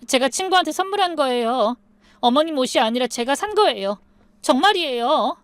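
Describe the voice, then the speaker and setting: A woman's voice: expressive, moderate pace, dry recording, lightly acted. A woman voicing a young daughter-in-law who pleads and sobs defensively. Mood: pleading. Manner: pleading, rising to shrill sobbing.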